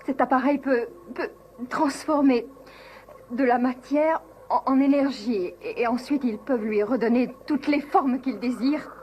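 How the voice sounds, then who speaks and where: A woman's voice: high-pitched, unhurried, darkish tone, a little hiss or hum, poor audio. An actress playing a fearful, knowledgeable alien woman officer in a dubbed science-fiction series, explaining earnestly and urgently. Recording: music behind the voice.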